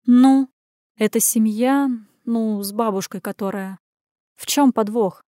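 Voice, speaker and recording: A woman reading an audiobook puts on a caring, bossy young friend who nags and insists. Her voice sits slightly above the reader's own middle pitch, close and dry, with no room echo. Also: normal speed, a little mellow, natural voice. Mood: confiding. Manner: insistent, scolding.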